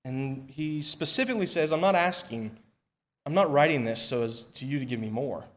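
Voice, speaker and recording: Man, preacher at a pulpit microphone, church sanctuary, measured emphatic scripture reading, soft phrase endings. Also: fairly high pitch. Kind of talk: sermon with prayer.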